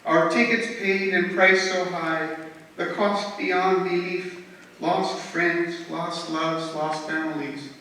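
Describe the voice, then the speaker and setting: Slow, bright-voiced woman reciting poems in a hall. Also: on the low side, fairly even intonation. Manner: measured, rhythmic recitation of rhymed verse. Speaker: talent show performer. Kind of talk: poetry reading. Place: talent show stage in a hall. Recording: echoey hall recorded from far off, faint noise.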